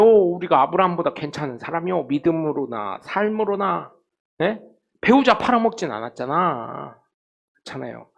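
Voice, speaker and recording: Middle-aged pastor, high-pitched and gravelly, preaching in a church and acting out the voices of people in his stories. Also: lo-fi sound. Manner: storytelling, acting out quoted people, swings from loud to very soft. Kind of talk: sermon. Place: church sanctuary.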